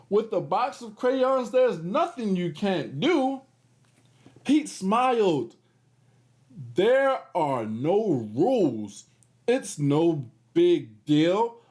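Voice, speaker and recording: The host of a children's read-aloud series, a man with a high, very lively voice, reads a picture book aloud. He doesn't rush the story and tosses in casual, encouraging remarks along the way.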